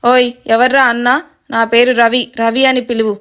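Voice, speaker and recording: A woman reading the lines of a sly, touchy young man with a gruff manner. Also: a little high, level tone, normal speed, fairly bright tone, natural voice.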